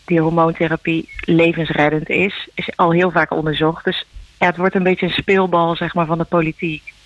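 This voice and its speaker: A woman, a musician guest, talking earnestly and reflectively in halting phrases, heard over a phone line in a radio interview. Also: on the low side, flat delivery, no echo. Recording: dull dry phone line.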